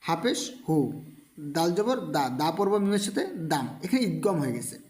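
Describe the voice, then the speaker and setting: Man teaching Quran spelling, slightly high voice. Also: big pitch swings, moderate pace, darkish tone. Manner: patient step-by-step letter spelling, breaking into melodic recitation. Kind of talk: spelling out Quran recitation lesson.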